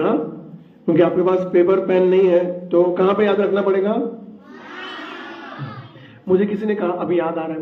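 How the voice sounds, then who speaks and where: A man teaching a tabla workshop to a group, reciting rhythm syllables slowly and quizzing the students on the count. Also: high-pitched. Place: school hall with a group of students. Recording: echoey, phone-like, faint hiss.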